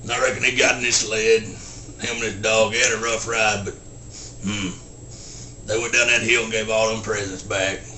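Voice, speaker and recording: A man does a film character impression of a slow, simple-minded rural Southern man, telling a folksy story in a Southern US accent. His voice sits on the low side, and his short, halting sentences come out deadpan and plodding, punctuated by grunted hums. The recording has a roomy echo and faint background noise.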